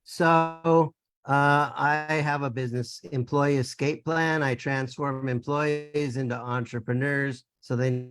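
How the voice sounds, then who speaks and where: A man asking a question on a group video call, speaking haltingly with fillers while his internet audio glitches and cuts out. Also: mid-range voice, fairly even intonation, a bit bright, clean tone, no room sound. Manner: halting, fillers between phrases. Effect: internet call audio glitching and cutting out. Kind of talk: casual question on a live call.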